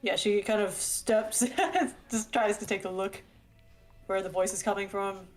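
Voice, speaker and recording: A woman's voice: medium pitch, level tone, a little slow. A woman with a mid-range voice talks casually as a player in a tabletop game. She feels her way through sentences, thinking aloud, with music playing behind her.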